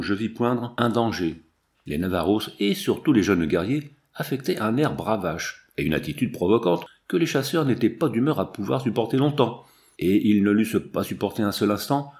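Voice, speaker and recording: A man reading an adventure novel aloud in a measured, dramatic storytelling manner. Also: medium pitch, a little mellow. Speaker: audiobook reader. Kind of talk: audiobook narration.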